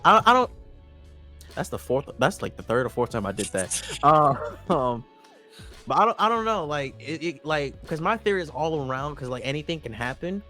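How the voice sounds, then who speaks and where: A man's voice: a little high, sing-song, moderate pace, bright, forceful tone, faint music behind. A man co-hosting an anime podcast, talking in a loose, rambling way with lots of restarts and fillers. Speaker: podcast co-host. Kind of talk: casual chat.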